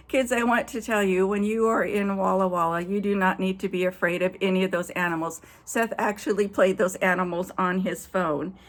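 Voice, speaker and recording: A woman pastor with a mid-range voice gathers children outside after dark for a story and a short devotional. She talks to them directly, in a gentle way.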